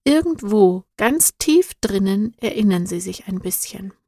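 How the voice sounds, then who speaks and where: An earnest young girl from a children's storybook speaks in a slow, dry, close voice, searching for words about her feelings, as a woman reader gives her a slightly lifted tone. She sounds heartfelt and thoughtful rather than playful. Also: medium pitch, animated, dark tone, no echo. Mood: earnest, wistful.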